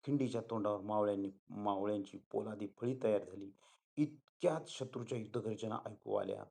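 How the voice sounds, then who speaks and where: A man's voice: fairly low pitch, a little fast, vocal fry, warm tone. A man reading a history story aloud in an earnest, dramatic way, voicing the characters' lines. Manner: earnest, dramatic retelling with voiced quotes.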